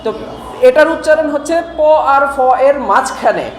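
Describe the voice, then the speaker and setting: A male teacher leads a lesson with steady question-and-answer drilling, his voice sitting fairly high. He explains pronunciation patiently, step by step. The recording is roomy and echoey, with a faint hiss underneath. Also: moderate pace. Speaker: English teacher. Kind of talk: classroom teaching. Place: classroom. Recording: echoey hall with faint noise.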